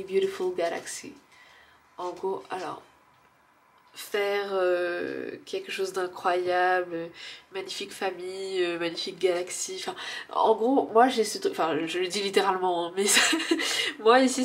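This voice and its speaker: A woman with a mid-range, stuffy-nosed voice gives a casual oracle card reading. She muses and hesitates, using lots of fillers and laughing softly at herself.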